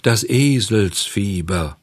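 A man reading a storybook aloud, voicing a kind, solemn little marmot who speaks slowly and soothingly. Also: fairly low pitch, lively intonation, slightly rough, no echo, clean studio sound, heavily acted. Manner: slow, soothing, lecturing.

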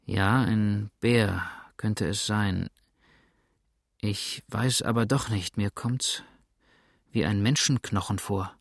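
A man reading aloud and voicing a calm, curious old frontiersman in a storybook adventure, speaking slowly and thoughtfully. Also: mid-range voice, no room sound, studio quality. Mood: musing. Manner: slow, musing.

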